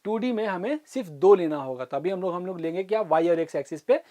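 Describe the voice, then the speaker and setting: A woman teaching an online physics class for exam students. She explains step by step, slows down to dictate formulas, and keeps checking that students follow. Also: lowish voice, lively intonation, mellow. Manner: explains step by step, often asks "ठीक है?" to check understanding.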